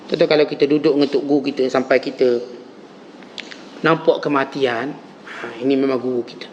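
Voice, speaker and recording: A man with a Malaysian Malay accent giving a dawn lecture as a religious teacher, preaching with animated, emphatic rises on key phrases. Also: medium pitch, brisk. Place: mosque lecture hall. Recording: dull lo-fi lecture recording with faint hiss.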